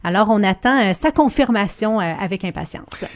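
A woman's voice: mid-range voice, expressive, normal speed. A woman with a Quebec French accent, co-hosting a radio show, reading news in a breezy, casual way with many fillers. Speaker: radio co-host.

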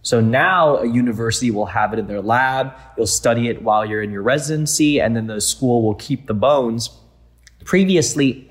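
A young man from Thailand, a museum founder, answering interview questions earnestly with frequent fillers. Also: mid-range voice.

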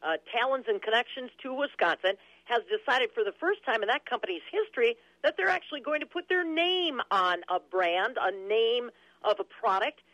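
A woman's voice: fairly high pitch, sing-song, moderate pace, a bit bright, no room sound, low-quality recording. An American woman giving a chatty broadcast report as a farm radio reporter.

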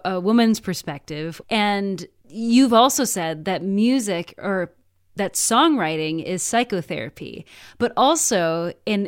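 A woman hosting an interview, asking questions in a measured conversational way. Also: medium pitch, smooth. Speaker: interviewer host.

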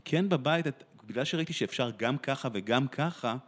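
This medium-pitched, animated voice belongs to an Israeli translator and theatre director. Thoughtful in a reflective interview conversation, he pauses a lot and keeps restarting sentences.

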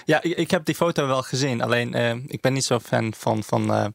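A man's voice: mid-range voice, brisk, creaky, no room sound. A man who is a podcast guest in a studio, answering in a hesitant, modest way. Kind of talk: interview answers.

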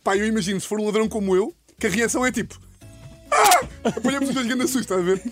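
A man with a European Portuguese accent, telling a comic story as a podcast host, animated and laughing often. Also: very fast, loud music behind the voice. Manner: animated, laughs often, slips into high-pitched impressions. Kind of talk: comedic storytelling.

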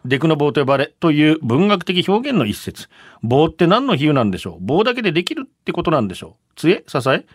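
Man, radio co-host, quick talker, wildly swinging pitch, dry studio, reads listener mail, gruff joking banter. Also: very animated, dry recording. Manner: fast, bantering, mock-gruff retorts. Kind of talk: casual radio chat.

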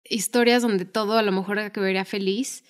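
A woman's voice: mid-range voice, steady tone, fairly quick. A woman co-hosting a podcast, chatting casually and retelling film scenes with many fillers. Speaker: podcast co-host.

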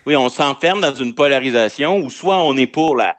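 A regular columnist and legal commentator with a Quebec French accent offers conversational legal analysis on the radio, going point by point. His mid-range voice is animated and at normal speed, in a dry recording.

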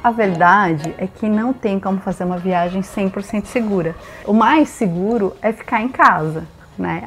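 Brazilian female interviewee, medium pitch, talking through practical advice conversationally.

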